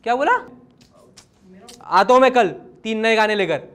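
A man's voice: high voice, moderate pace, fairly bright tone, slight background noise. A man playing a bossy rehab centre staffer. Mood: scolding. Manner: stern, mocking, commanding. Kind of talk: comic sketch acting.

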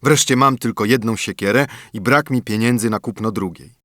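A man's voice: on the low side, normal speed, fairly bright tone, no echo, studio quality, lightly acted. A man voicing a worried old woodcutter father in an audiobook fairy tale, cautious and fatherly.

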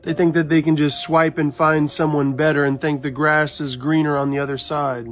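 A man's voice: a little high, little pitch movement, normal speed, a bit bright. A man with a slightly raised voice gives a scripted, news-style rundown of a viral clip. He speaks evenly and explains things step by step, with music playing faintly beneath him.

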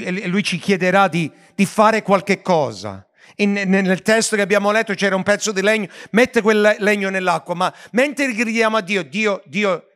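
High-voiced man preaching a sermon. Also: fairly bright tone. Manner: earnest preaching with frequent restarts and stumbles. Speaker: pastor.

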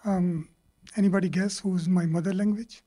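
A middle-aged Pakistani man, a native Punjabi speaker with a Pakistani accent, gives rambling, halting panel remarks full of fillers. Speaking into a handheld mic in a lecture hall, his voice is high-pitched, steady, and warm.

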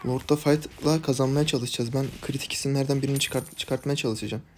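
A man giving live commentary on a mobile game, recorded on a phone, scolding his teammates and swinging between low muttering and loud yelling. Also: steady tone, quick pace, slight background noise. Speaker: gaming channel host.

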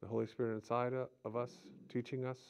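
A man preaching a sermon in short, halting phrases with frequent restarts. He often breaks into earnest prayers spoken aloud to God. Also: mid-range voice, level tone, vocal fry, darkish tone, smooth.

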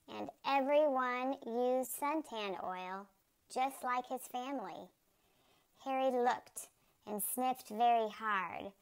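A woman with a clear, resonant voice reads a children's picture book aloud slowly and carefully, jumping high and loud whenever the characters shout.

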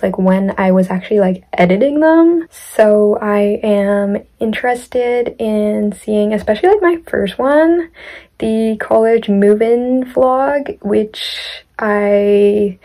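A woman's voice: mid-range voice, warm tone. A young woman chatting casually as a vlogger, reacting to her old videos and filling her speech with "like". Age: young adult.

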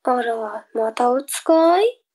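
Cheeky kid sister for comic reading drama, played by a woman: high, cute anime-girl voice, sulky edge. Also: animated, slow pace, darkish tone.

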